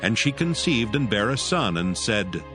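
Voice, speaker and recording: Low-voiced male narrator reading scripture solemnly, music clearly behind. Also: very animated, moderate pace. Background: background music.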